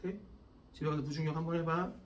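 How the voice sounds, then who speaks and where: A man's voice: on the high side, fairly even intonation, fast talker. A man teaching a physics class, blunt and coarse, scolding and constantly checking that his students follow. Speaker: physics teacher at a cram school. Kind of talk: classroom lecture. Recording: echoey classroom from far off.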